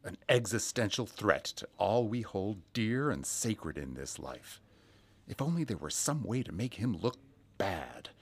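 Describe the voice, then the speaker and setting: A man's voice: lowish voice, very animated, measured pace, husky, full character voice. A man voicing a pompous wealthy lobbyist with mock solemnity. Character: pompous rich male lobbyist.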